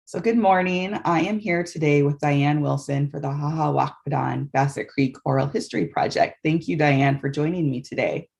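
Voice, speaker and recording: Creaky-voiced American woman, oral history interviewer. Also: sits low, normal speed, few pauses, a little mellow.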